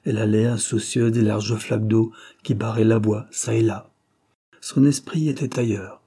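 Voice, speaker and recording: A man narrating a classic novel as an audiobook in measured, dramatic storytelling. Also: lowish voice, steady tone, warm tone, slightly rough.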